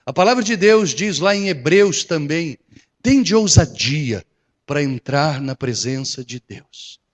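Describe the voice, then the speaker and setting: A man preaching to his congregation in a notably high voice. His delivery is lively and theatrical, swinging from loud exhortation to hushed asides. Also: unhurried. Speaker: pastor. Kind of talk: sermon.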